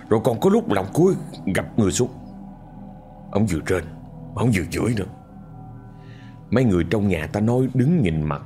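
A man's voice: mid-range voice, darkish tone. A man telling a ghost story in a vivid, conversational way, often repeating words for effect.

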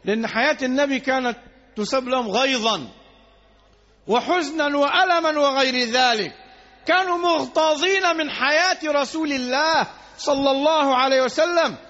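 A man with an Egyptian accent preaching a Friday sermon, emphatic, with repeated rhetorical questions and loud bursts. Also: very high-pitched, moderate pace. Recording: dull lo-fi recording.

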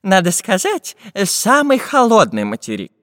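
A man's voice: high voice, wildly swooping pitch, measured pace, fairly bright tone, no room sound, studio quality, long reverb tail, voice pushed up, full character voice. A man doing a lecturing old professor. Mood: explaining. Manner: lecturing, explanatory. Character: learned old professor, explaining patiently.

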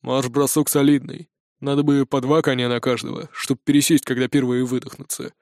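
Lanky unshaven gunman played by a man, low, laconic, dry sound. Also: little pitch movement, brisk, a little mellow, dry recording, natural voice. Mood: matter-of-fact.

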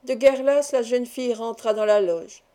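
A woman reading a folk tale aloud in an even, measured storybook narration. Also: a little high. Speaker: audiobook reader.

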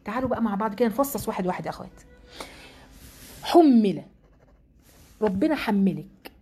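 Egyptian woman, Quran lesson teacher, mellow voice, earnest, stresses words slowly. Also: mid-range voice, expressive, husky, soft background music. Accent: Egyptian Arabic. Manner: earnest, emphatic, repeats key words slowly. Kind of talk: religious lesson to women.

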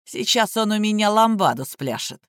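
A woman's voice: mid-range voice, lively intonation, moderate pace, fairly bright tone, clean tone, no echo, studio quality, lightly acted. A woman voicing a furious young man who bellows threats while posing as an enraged father. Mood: raging.

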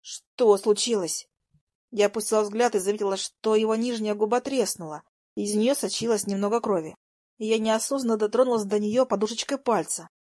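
Young woman reading a story out loud, soft and even, mid pitch, dry close mic. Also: fairly quick, dry recording. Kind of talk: first-person audiobook narration.

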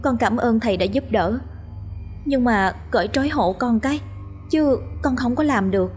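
A woman's voice: on the high side, moderate pace, faint music behind, voice pushed up, natural voice. A woman doing a shy, timid village girl. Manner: soft, timid. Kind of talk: storytelling.

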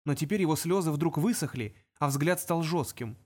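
A man reads a fantasy story aloud in an even, steady storytelling voice. His pitch sits slightly high for a man. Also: moderate pace. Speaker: audiobook narrator. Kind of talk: scripted narration.

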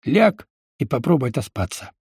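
A man voicing a gruff, blunt male companion who grumbles in an audiobook. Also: high-pitched, animated, normal speed, dry recording, clean studio sound, voice pushed up, exaggerated voice. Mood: grumbling.

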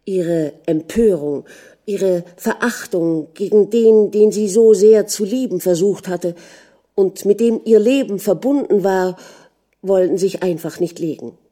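A woman narrating a novel with calm, measured storytelling. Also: medium pitch. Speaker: audiobook reader. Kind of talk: scripted narration.

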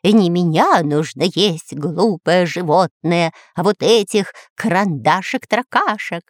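A woman voicing a sneaky male parrot villain in a children's storybook reading, with squawking, gloating shouts. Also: lowish voice, unhurried, no room sound, studio quality, natural voice.

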